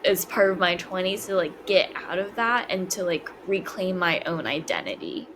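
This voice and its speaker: A woman's voice: on the low side, lively intonation, normal speed, fairly bright tone, slight background noise, poor audio. A woman in her twenties, a podcast guest, talking hesitantly with many fillers and restarts. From China. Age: 20s. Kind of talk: casual interview conversation.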